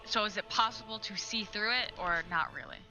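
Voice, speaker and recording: A woman's voice: mid-range voice, expressive, fairly quick, pushed and bright. A woman playing a tabletop game, hesitant and chatty with lots of ums and playful asides. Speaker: player. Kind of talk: casual game talk.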